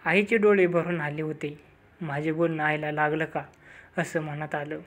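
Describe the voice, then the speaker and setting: A man reading a first-person story aloud in a steady narrating manner. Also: a little high, a little slow.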